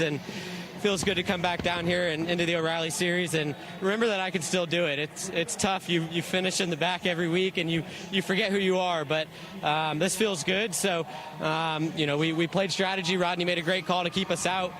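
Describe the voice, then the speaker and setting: A young man answering post-race interview questions in an upbeat, halting way, often repeating words. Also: sits high, fairly even intonation. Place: outdoors at a racetrack. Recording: noisy outdoor track interview.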